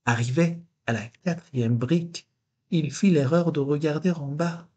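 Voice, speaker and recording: A man with a husky voice reads a children's picture book aloud. He takes it slow and gentle, with a plain storyteller's delivery. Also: a little high. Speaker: storybook reader.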